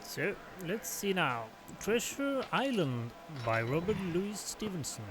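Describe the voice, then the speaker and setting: A man's voice: high voice, big pitch swings, takes it slowly, over music. A man improvising in-character game narration as a storyteller, polite and theatrical with a hesitant delivery. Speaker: storyteller and gamer playing in character.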